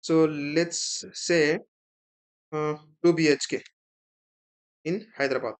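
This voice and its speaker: A man with an Indian accent and a rather high voice walks through a screen tutorial, explaining each step like an instructor. His intonation stays fairly even and his delivery is slow and smooth. He keeps checking the listener is following, tacking "right?" or "okay" onto the ends of his points.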